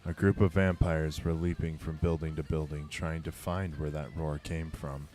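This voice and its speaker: A man's voice: very deep voice, little pitch movement, normal speed, a little mellow. A man running a tabletop game as game master, narrating a violent scene in grim, dramatic tones. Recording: faint background music.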